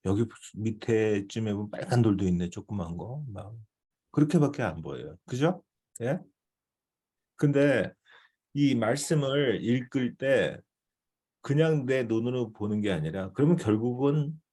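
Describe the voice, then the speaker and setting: A man's voice: mid-range voice, warm tone. A male missionary teaching a devotional seminar in a conversational way, often checking in with his listeners.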